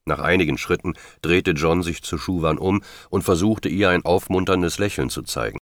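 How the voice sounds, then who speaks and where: A man reading a novel aloud in steady, measured narration. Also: deep voice, no room sound, studio quality. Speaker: audiobook narrator. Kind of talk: scripted narration.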